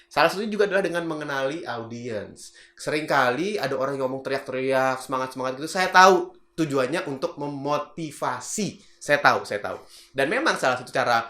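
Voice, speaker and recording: A man's voice: medium pitch, lively intonation, a little fast, sharp tone. A man teaching public speaking in a casual, chatty video lesson. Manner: chatty, acts out example voices, laughs at own jokes. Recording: roomy echo.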